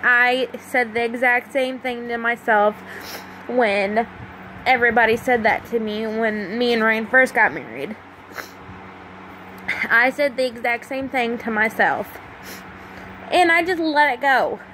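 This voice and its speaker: Speaking slowly into a phone held near her face, a 25-year-old vlogger makes a halting, emotional confession, her high voice sounding pushed and bright, with many pauses and fillers. She's in a small room at home at night with a fan running. The recording is low quality, and the fan hums faintly behind her.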